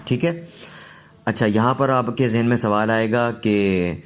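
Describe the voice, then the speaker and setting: A man teaching English pronunciation, explaining rules patiently and repeating each word slowly. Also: medium pitch, fairly even intonation, clear, resonant tone. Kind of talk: slow pronunciation lesson.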